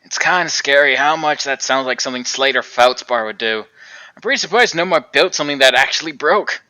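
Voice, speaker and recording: A man voicing a calm, easygoing alien space traveler, reading game dialogue aloud on a live stream in a laid-back, musing, gently teasing way. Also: mid-range voice, fairly quick, clear, resonant tone, natural voice. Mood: thoughtful.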